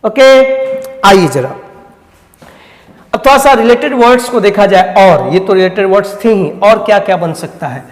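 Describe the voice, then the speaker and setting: A male teacher giving a vocabulary lesson. He asks questions and answers them himself, and he repeats key words slowly. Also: sits high, lively intonation. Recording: echoey room with long reverb.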